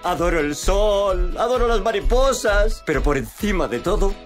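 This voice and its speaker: A man's voice: high voice, expressive, moderate pace. A man with a Castilian Spanish accent voicing an innocent, earnest young pet dog in a dubbed comedy film. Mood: blissful. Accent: Spanish (Spain). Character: naive, sunny, devoted young pet dog. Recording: film trailer with music behind.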